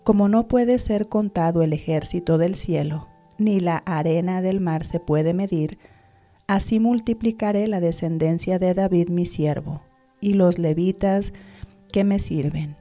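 Female scripture reader, low voice, measured delivery. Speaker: Bible reader. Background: soft background music.

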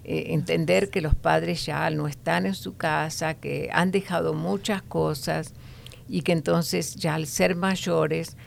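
Deep gravelly older woman. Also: fairly even intonation, a little hiss or hum. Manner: measured, explanatory, many fillers. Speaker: host.

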